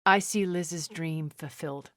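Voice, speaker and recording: An actress voices a video game character: a poised, cultured, wealthy woman who is a thousand years old but sounds middle-aged. Her delivery is measured, formal and refined, cool and explanatory, in a low voice with a fairly bright tone. The audio is studio quality with no room sound.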